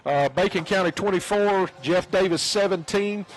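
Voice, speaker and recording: A man with a Southern US accent calling high school football on the radio in a folksy, excitable way. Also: normal speed, rough recording. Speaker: radio play-by-play announcer. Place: press box at a football stadium.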